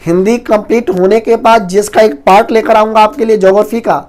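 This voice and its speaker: Fast, loud male Hindi teacher. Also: sits high, fairly even intonation. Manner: fast, rapid-fire delivery; loud, near-shouting teaching. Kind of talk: online exam-prep lesson.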